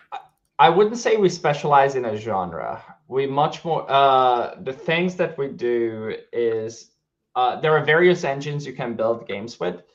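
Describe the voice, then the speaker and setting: Dull audio carries the mid-range voice of a man from Hungary, a game studio co-founder with a Hungarian accent. Relaxed in a casual interview, he fills his talk with fillers and restarts.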